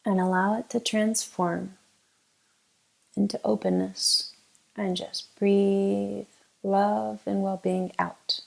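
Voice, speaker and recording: Gentle and unhurried, a woman leads a guided meditation as the teacher, pausing at length between instructions. Her mid-range voice has vocal fry and a flat delivery. The recording is low quality.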